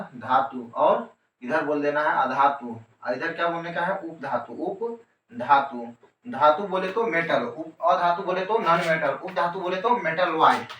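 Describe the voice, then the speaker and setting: Bright-voiced man teaching in an echoey room. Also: on the high side, slight background noise. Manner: repeats key terms as questions and answers them himself. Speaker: chemistry teacher. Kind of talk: coaching class lecture. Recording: echoey room, voice from a distance, faint ambience.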